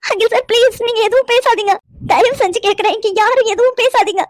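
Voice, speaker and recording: A woman plays a young cartoon heroine who is heartbroken and furious, firing accusing questions at her lover. The voice is very high and rattles along at a racing clip. It is dry, close and free of room sound. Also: fast talker, no echo. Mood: angry. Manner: accusing, tearful, insistent questions. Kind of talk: cartoon voice acting.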